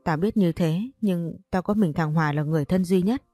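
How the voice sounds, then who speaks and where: A woman voicing a frightened young woman deep in debt who pleads anxiously in an audio story. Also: brisk, dark tone, dry recording, soft background music, lightly acted. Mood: pleading.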